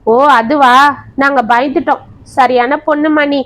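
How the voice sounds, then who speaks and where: A woman voicing a caring young daughter-in-law who speaks briskly and reassuringly. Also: high voice, fairly even intonation, a bit bright, dry recording, low-quality recording.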